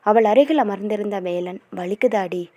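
A woman's voice: mid-range voice, moderate pace, no room sound. Woman reading a romance novel aloud. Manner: steady storytelling. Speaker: novel narrator.

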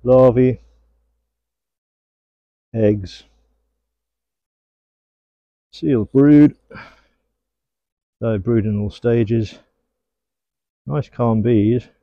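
This middle-aged beekeeper from England works his garden hives outdoors, talking easily through the job and speaking warmly to the bees. His medium-pitched, steady voice stretches out words between long pauses. There's no echo, and the highs are missing.

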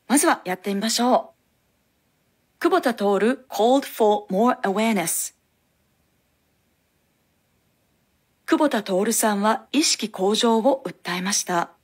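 The host of this language lesson is a woman whose voice sits fairly high. Recorded on a studio microphone, she reads clear, instructional explanations from a script.

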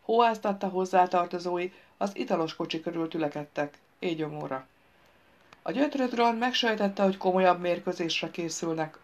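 Woman narrating a wry comic audiobook. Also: fairly low pitch. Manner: lively, wry storytelling. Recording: dull lo-fi recording.

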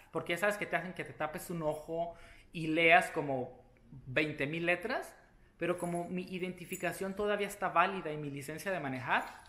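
Animated man vlogger in an echoey room. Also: sits high. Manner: animated and playful, with sudden loud exclamations. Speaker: beauty vlogger. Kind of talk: casual chatty storytelling to camera.

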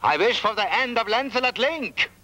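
A man's voice: very high-pitched, animated, moderate pace, pushed and bright, exaggerated voice. A man voicing a pompous villainous chimp baron who blusters and sulks. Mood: blustering. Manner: blustering, petulant. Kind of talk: dubbed TV comedy.

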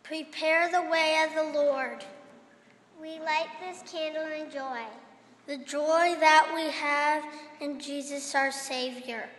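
A woman leading a liturgical candle-lighting in a church sanctuary, reading in a slow, measured way with a cathedral echo. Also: sits high, fairly even intonation, a bit bright. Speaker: worship leader lighting the Advent candle. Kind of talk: liturgical call and response. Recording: echoey sanctuary from far off.

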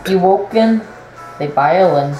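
A man's voice: sits high, slow pace, dark tone, soft background music. A man playing a party video game with a friend, teasing him and giggling between remarks. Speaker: gameplay co-player. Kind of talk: casual gameplay banter. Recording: echoey room.

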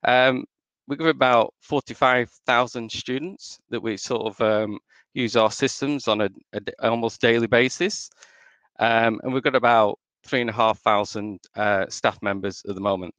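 A man's voice: fairly low pitch, steady tone, normal speed, a bit bright, dry recording. A man from Northern England, with an accent mixed with Australian and American traces, giving a conversational meetup presentation as an integration manager, with frequent ums. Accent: Northern English with Australian and American traces. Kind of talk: conference presentation.

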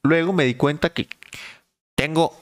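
A man's voice: medium pitch, normal speed, no echo, clean studio sound. Joking streamer man. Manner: joking, slangy, chatty. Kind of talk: casual stream chat.

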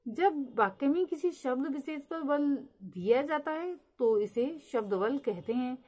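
Slightly high-voiced woman teaching step by step. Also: darkish tone, poor audio. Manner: explains step by step, mixes English terms, slows to read English definitions. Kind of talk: explaining lecture.

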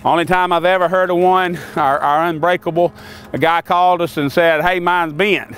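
A man's voice: on the high side, fairly even intonation, moderate pace, a bit bright, clear, resonant tone. An older man casually demonstrating sawmill tools outdoors, talking in a folksy, rambling way with many fillers. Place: outdoors by a sawmill and in a wooded lot.

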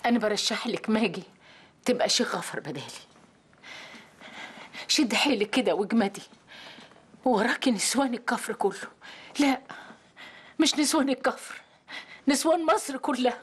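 A woman's voice: a little high, moderate pace, pauses often, husky. An actress playing an older village woman who is giving up her job as guard chief. She speaks with an Egyptian accent, earnest and pleading. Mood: heartfelt. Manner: heartfelt, pleading. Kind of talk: TV drama acting.

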